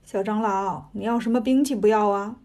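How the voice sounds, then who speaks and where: A woman's voice: mid-range voice, fairly even intonation, moderate pace, a little mellow, pitched below the performer's own voice, lightly acted. A woman voicing a fretful old farmer father who grumbles in a folksy, colloquial way. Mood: doubtful.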